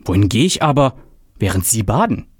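A man's voice: lowish voice, sing-song, brisk, slightly rough, no echo, clean studio sound. A man voicing a poor, eccentric old male inventor who grumbles and hums while reading a novel aloud. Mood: skeptical.

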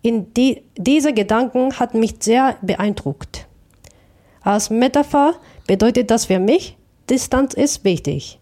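Mellow-voiced artist woman from Japan. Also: on the high side, slow. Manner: careful, thoughtful, with small restarts. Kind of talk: interview answers.

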